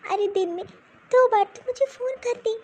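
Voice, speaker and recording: A woman's voice: extremely high pitch, moderate pace, darkish tone, poor audio. A woman voicing a grieving young married daughter-in-law in a cartoon, talking in a tearful, mournful way. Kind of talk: cartoon voice acting.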